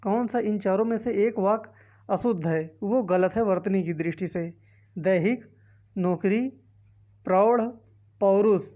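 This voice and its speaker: An exam-prep teacher with a north Indian Hindi-speaking accent reads multiple-choice options aloud one at a time and explains each answer in a quiz walkthrough lesson. Her mid-range voice is dark-toned and unhurried, with long pauses. The recording sounds muffled.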